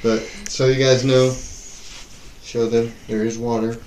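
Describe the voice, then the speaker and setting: A man in his twenties hosting a casual stunt vlog, talking in halting bursts and exclamations as he deals with the cold. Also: medium pitch, little pitch movement. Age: 20s. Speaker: video host. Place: small bathroom, in the tub, filmed by another person's handheld camera. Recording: echoey bathroom with noticeable background noise.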